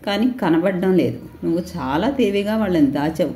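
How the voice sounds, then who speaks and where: Stern male cop for a storybook, firm and commanding, dark tone, echoey room, read by a woman. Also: fairly low pitch, animated, brisk, lightly acted. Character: stern, determined male police officer.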